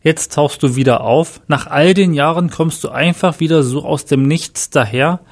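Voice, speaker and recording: A man's voice: on the high side, normal speed, pitched above the performer's own voice. A man voicing a guilty, defensive father in a read-aloud story. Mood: tense. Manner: defensive, pleading.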